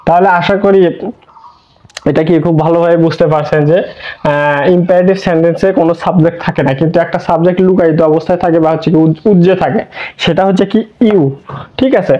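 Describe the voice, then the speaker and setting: A man teaching an online English grammar lesson, explaining step by step with repeated words and rhetorical questions. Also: fairly high pitch. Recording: dull lo-fi recording.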